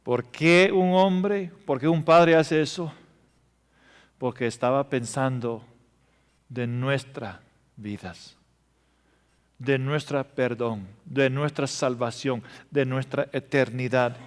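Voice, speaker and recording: A man preaching a sermon, telling emotional stories and swinging between loud passages and hushed ones. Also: medium pitch, takes it slowly, smooth. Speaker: pastor. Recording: reverberant hall.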